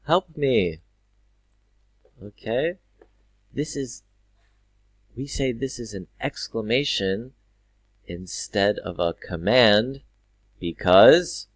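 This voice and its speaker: Slow, deliberate male English teacher. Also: on the low side, no room sound. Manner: drawn-out, overly careful pronunciation with sudden loud acted exclamations. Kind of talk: slow, clear teaching for learners.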